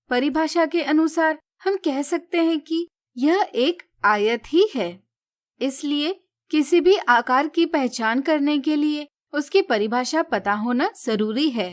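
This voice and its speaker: A woman teacher giving a measured, scripted lesson narration. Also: sits high. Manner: measured, explanatory.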